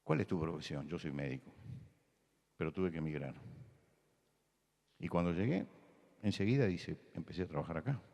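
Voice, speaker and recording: Older Argentine pastor with deep voice. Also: male voice, normal speed, gravelly, pauses often, darkish tone, long reverb tail. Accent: Rioplatense Spanish. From Buenos Aires, Argentina. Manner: storytelling, conversational, rising to emphatic. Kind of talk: sermon. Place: large church hall.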